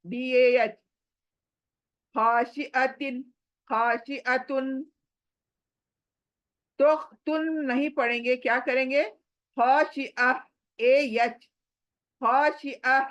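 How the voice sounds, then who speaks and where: In an online class, a woman with a high voice teaches the rules of Quran recitation, drilling words through repeated questions and spelling out sounds letter by letter. The audio sounds dull.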